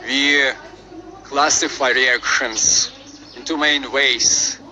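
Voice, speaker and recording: A man with a Slavic accent reading out a lesson as presenter, haltingly, often repeating and correcting his words. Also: medium pitch, fairly even intonation, sharp tone, rough recording. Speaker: presenter of a chemistry refresher. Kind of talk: lesson read from on-screen script with asides.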